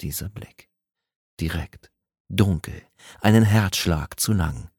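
Low-voiced man narrating a romance story. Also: slow pace, darkish tone, breathy edge, no room sound, studio quality. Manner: intimate, dramatic, lingering on phrases. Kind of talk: scripted romance audiobook narration.

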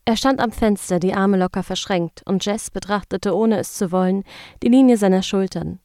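A woman narrating a romance story in a slow, intimate, hushed storytelling manner. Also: mid-range voice, no room sound, studio quality.

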